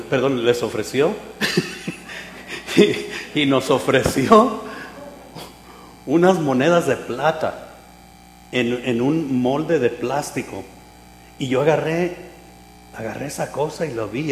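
A man preaching a sermon, telling a humorous personal story with loud exclamations and quiet asides. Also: mid-range voice. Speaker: pastor. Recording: echoey hall with mains hum.

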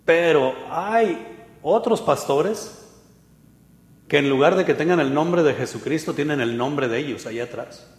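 Pastor preaching in an echoey hall. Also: male voice, on the high side, measured pace. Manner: conversational, asks listeners for agreement. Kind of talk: sermon.

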